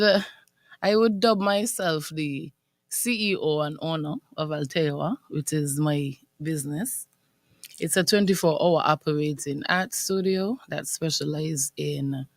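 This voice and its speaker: A woman's voice: low voice, no echo. Upbeat young woman, dry close sound. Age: young adult. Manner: articulate, laughs often, upbeat. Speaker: guest, business owner. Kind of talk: radio interview. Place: radio studio.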